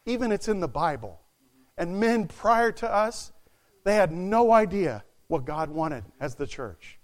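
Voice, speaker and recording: Animated high-voiced male preacher. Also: a little slow. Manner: animated, swings from quiet asides to shouted exclamations. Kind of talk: sermon.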